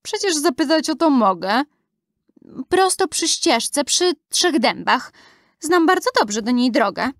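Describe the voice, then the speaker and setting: A cheerful little girl from a rhyming fairy tale, as a woman narrator puts her on. She talks in a lifted, sing-song way, pitched above an ordinary grown woman. The lines come slowly and carefully, in a dry, close sound. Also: sing-song, dry recording, heavily acted. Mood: firm.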